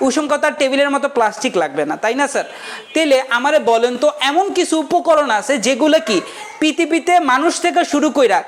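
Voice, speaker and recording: Male teacher with a high, quick voice. Jokes and keeps checking that the class follows. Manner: joking, keeps checking the class understands, asks rhetorical questions. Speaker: economics teacher. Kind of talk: casual joking lecture.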